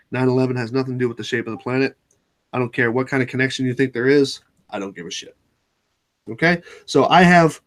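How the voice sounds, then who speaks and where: A man hosting a casual chat, blunt and sarcastic, swearing freely and often restarting his sentences. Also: medium pitch. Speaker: channel host.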